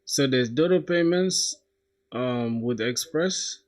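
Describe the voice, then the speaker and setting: A young man from South Sudan live-streaming his coding, thinking aloud in a slangy, casual way with bursts of excitement. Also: medium pitch, slow. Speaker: coding livestreamer.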